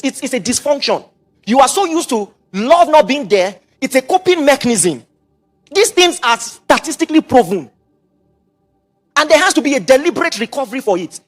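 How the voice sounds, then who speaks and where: A middle-aged Nigerian man preaching a sermon, mixing in Pidgin asides and quick repetitions. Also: very high-pitched, a bit bright. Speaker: pastor.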